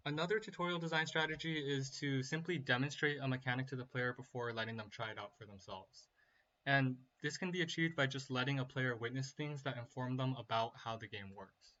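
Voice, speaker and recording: Bright-voiced man lecturing, dull recording. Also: mid-range voice. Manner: lecturing, explanatory with casual asides. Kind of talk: lecturing on game design, semi-casual.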